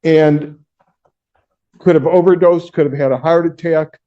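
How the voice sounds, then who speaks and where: A man's voice: a little high, fairly even intonation, muffled recording. Male defense attorney on a courtroom recording. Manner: formal, measured, addresses the judge. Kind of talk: courtroom argument.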